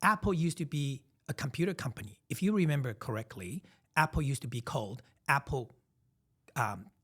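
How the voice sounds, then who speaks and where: A man's voice: mid-range voice, expressive, moderate pace, fairly bright tone, breathy edge. A man in his thirties, originally from Taiwan, co-hosting a casual podcast chat and telling emphatic, reflective stories with frequent restarts. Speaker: podcast co-host.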